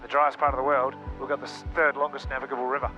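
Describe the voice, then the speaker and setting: A man's voice: mid-range voice, little pitch movement, rapid-fire, dull audio. An Australian man bantering casually and laconically as a co-pilot over a cockpit headset. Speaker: co-pilot in right-hand seat. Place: small propeller plane cockpit in flight. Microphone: aviation headset. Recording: band-limited headset audio with music.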